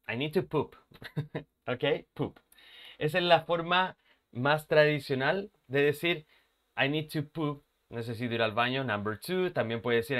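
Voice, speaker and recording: A male English teacher talks his students through a lesson at an unhurried pace. He repeats words slowly for practice and keeps asking whether they follow. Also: medium pitch, fairly bright tone, clear, resonant tone. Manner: checks in often with "ok?" and "ya?".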